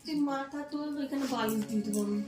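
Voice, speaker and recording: A woman chatting quickly and lively with family, heard from a distance in a room. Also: on the high side. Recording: echoey room, far from mic.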